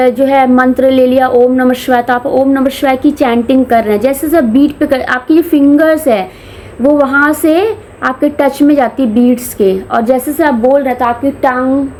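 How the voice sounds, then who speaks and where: A woman spiritual teacher explaining meditation and chanting to a camera, mixing Hindi with English phrases and slowing down on key terms. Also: high voice, fairly even intonation, a little mellow, a little hiss or hum. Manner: chants demonstrations mid-explanation.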